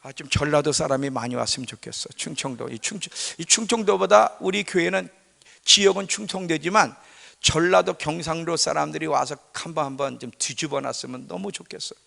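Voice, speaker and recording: A male pastor preaches conversationally in a church sanctuary, frequently directing questions at his congregation, with long reverb filling the hall. His voice is a little high, fairly quick, pushed and bright, with vocal fry.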